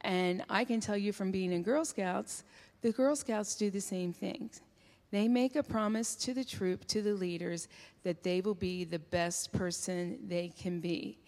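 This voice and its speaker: A woman speaks gently and informally to children at the front of a church, her voice still recovering from a recent illness. Her words ring out with a long church reverb. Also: medium pitch, unhurried. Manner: gentle, chatty and informal with kids, using fillers. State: recovering from illness, voice not fully back. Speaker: children's message leader.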